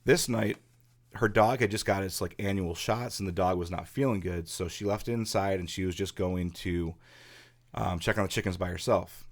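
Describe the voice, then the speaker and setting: A man's voice: deep voice, normal speed. A man hosting a podcast, telling a ghost story in a casual, rambling way with many restarts. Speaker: podcast host.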